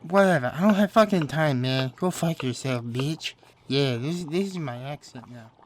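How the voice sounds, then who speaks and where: A man voicing an angry, foul-mouthed cartoon restaurant boss who yells and swears. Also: fairly high pitch, moderate pace, a little hiss or hum, natural voice. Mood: dismissive. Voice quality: yelling, profane. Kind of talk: cartoon voice acting.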